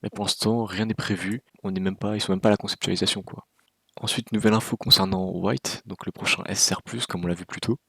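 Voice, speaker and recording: A man's voice: sits low, fairly even intonation, quick pace, creaky, fairly bright tone, husky, dry recording. A man giving casual, opinionated game news commentary with a wry, candid manner, speaking close to the microphone. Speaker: gaming video creator.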